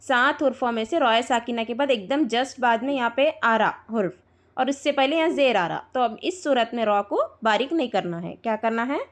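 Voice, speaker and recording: A woman teaching Quran recitation rules to students, patiently repeating points, spelling out letters slowly and checking often that they follow. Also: fairly high pitch, expressive. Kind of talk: live tajweed lesson to students.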